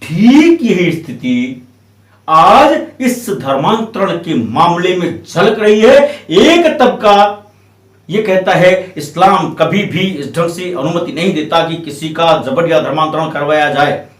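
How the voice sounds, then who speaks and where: A man, a guest advocate, explains a legal issue through an animated story and acts out the voices in it. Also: on the high side, takes it slowly, roomy sound, far from the mic.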